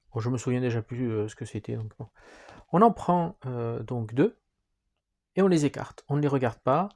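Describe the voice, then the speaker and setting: A man with a gravelly, dark voice walks viewers through setting up a historical wargame. He pauses often with fillers as he sorts the pieces and explains each step. The tone is that of a relaxed tabletop tutorial. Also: medium pitch. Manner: hesitant, frequent fillers while handling pieces. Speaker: board game presenter. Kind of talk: wargame rules walkthrough.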